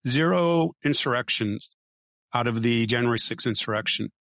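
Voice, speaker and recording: A man's voice: mid-range voice, normal speed, vocal fry, a bit bright, dry recording. A man arguing politics as a guest, pushing his points and running through statistics. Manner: argumentative, runs through statistics. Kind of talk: casual political debate.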